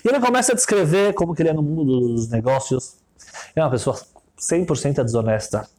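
A man's voice: fairly high pitch, fast talker. A man telling a moral story in a sermon, acting out each character. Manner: animated, acts out every voice.

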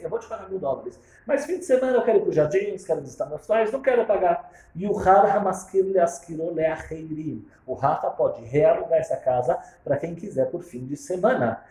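A man giving a lively lesson on religious law, telling stories and acting out the dialogue with sudden jumps in pitch. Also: roomy sound, low-quality recording. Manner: animated, acts out dialogue with sharp pitch jumps.

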